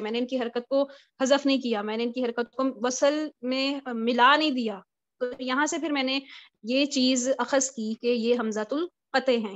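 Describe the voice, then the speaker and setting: A woman with a high voice leads a live online class on Quran recitation. She works through each point patiently and keeps asking her students questions. The audio is dull and lo-fi, like a video call recording. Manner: patient step-by-step explaining, poses questions to students.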